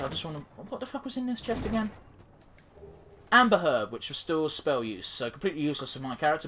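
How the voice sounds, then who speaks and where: A bit bright and mid-range, this gaming commentator's voice carries casual, swear-filled let's-play chatter that trails off with fillers; his nose sounds blocked. A little hiss or hum is audible.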